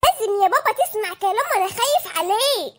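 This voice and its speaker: A woman's voice: very high voice, sing-song, fast talker, fairly bright tone, full character voice. A woman voicing a mischievous young boy in an Egyptian cartoon, eager and pleading with an Egyptian accent. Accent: Egyptian Arabic.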